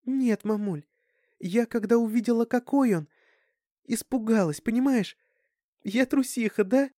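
Guy doing a teary young girl, way up high, flustered and pleading, dry close sound. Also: a little slow, dark tone, dry recording. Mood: anxious, confessing. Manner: high strained tearful pleading. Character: tearful young woman, flustered and self-doubting.

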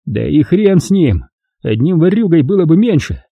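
A crude, hot-headed partner, voiced by a man in an audiobook, speaks in a raised, rough voice. He is blunt and coarse, and the tone is husky and dark. The recording is close and dry. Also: fairly high pitch, sing-song, normal speed, no echo, pitched above the performer's own voice, exaggerated voice. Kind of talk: audiobook reading.

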